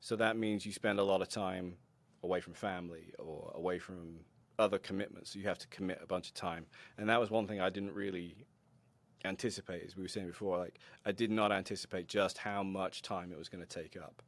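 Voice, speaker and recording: A man who mentors a robotics team, a podcast guest telling animated, self-deprecating stories with frequent laughter. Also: sits low, a little fast, gravelly. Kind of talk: conversational interview storytelling.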